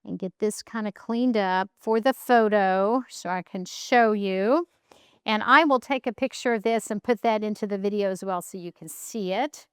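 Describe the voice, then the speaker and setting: A woman's voice: on the high side, clean tone, no room sound, studio quality. A woman hosting a home cooking demonstration, chatting and thinking aloud as she decorates a cake in her kitchen. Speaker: cooking show host.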